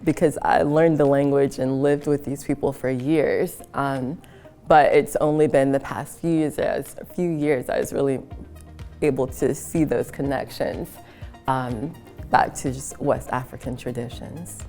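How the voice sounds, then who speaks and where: A woman from South Florida reflects in an interview, calm and unhurried. Her voice is low, with faint music in the background. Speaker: performing artist.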